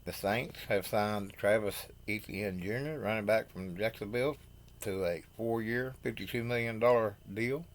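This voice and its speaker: A man with a lowish voice reads NFL signings off handwritten notes, pausing and correcting himself as he trips over names. Between items he drops plain, opinionated asides about the deals. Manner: halting, apologetic, stumbles over names. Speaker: host. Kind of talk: reading NFL news from notes.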